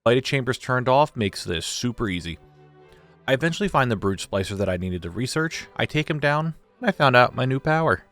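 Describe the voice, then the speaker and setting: A man's voice: mid-range voice, lively intonation, a little fast, a bit bright, soft background music. Casual young man narrating gameplay. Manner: informal, joking, occasional swearing. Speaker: gaming video creator.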